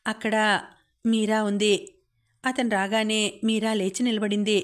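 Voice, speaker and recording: A woman reading a novel aloud as an audiobook narrator, in a calm, even storytelling manner. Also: medium pitch, unhurried. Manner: calm, even storytelling, quoting characters without acting them.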